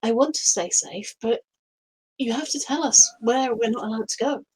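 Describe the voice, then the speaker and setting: A woman playing a tabletop game, speaking gently and thinking out loud as she acts out her character. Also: on the high side, moderate pace, slight background noise, low-quality recording. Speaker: player. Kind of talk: tabletop role-play.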